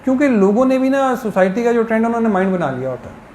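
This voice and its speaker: A man's voice: very high-pitched, big pitch swings, quick pace, a little mellow. Man lecturing in an echoey hall. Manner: explanatory, uses worked examples. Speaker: law lecturer. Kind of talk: classroom lecture. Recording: echoey hall with background hiss.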